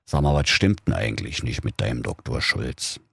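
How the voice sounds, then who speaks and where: A man's voice: very deep voice, normal speed, vocal fry, a bit bright, slightly rough, no room sound, clean studio sound, pitched below the performer's own voice, full character voice. A man voicing a blunt, gossipy king who complains in a chatty, colloquial way. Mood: grumbling. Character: grumbling middle-aged king, blunt and gossipy.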